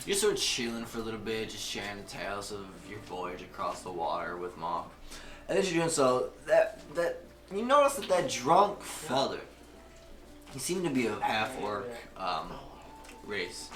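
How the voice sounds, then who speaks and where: A man's voice: lowish voice, big pitch swings, normal speed, a bit bright. A man narrating a tabletop game as game master, casual and profane, with vivid gory descriptions. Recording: roomy echo.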